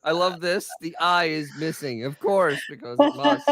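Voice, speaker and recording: A man's voice: fairly high pitch, sing-song, normal speed, a crowd in the background. A middle-aged man chatting casually as a co-host, emphatic and repeating himself to make his point. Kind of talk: casual chat.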